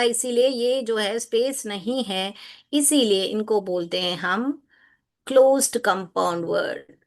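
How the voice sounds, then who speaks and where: Patient woman teacher, slow and high. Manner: patient, repeats questions to students, calls them beta; mixes Hindi with English phrases. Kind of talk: explaining a grammar lesson to children.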